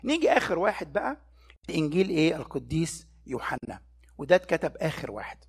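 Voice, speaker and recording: A man's voice: a little high, very animated, quick pace, breathy edge. A man with an Egyptian Arabic accent giving a Bible study sermon, who keeps posing rhetorical questions to his listeners and answering them himself.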